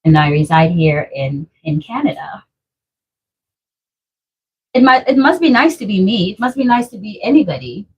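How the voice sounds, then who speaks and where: Streaming live from home, this vlogger from Trinidad, with her Trinidadian accent, playfully reads out comments from viewers, chatty and quick to laugh. Her mid-range voice has a breathy edge and swings widely in pitch, moving at a moderate pace with frequent pauses, and the recording is rough.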